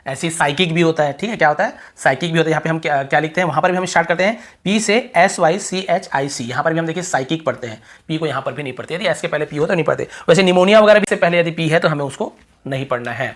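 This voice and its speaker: Guy teaching english, stretches out each example word and repeats it, keeps asking if it's clear. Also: a little high, a bit bright. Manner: repeats example words slowly, drawn out, several times; asks the viewer quick check questions. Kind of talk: spoken language lesson.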